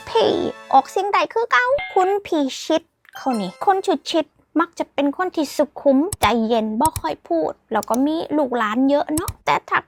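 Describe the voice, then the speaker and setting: A woman's voice: high voice, vocal fry, a bit bright. A woman teaching a playful language lesson, teasing and mixing in English phrases. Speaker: language tips host.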